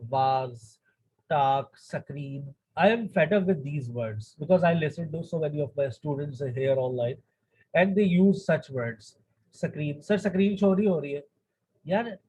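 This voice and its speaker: A man teaches an online English lesson, mixing English and Urdu as he explains. His voice sits somewhat high and a little husky, with an unhurried delivery. The recording is dull and lo-fi. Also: a little mellow. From Pakistan.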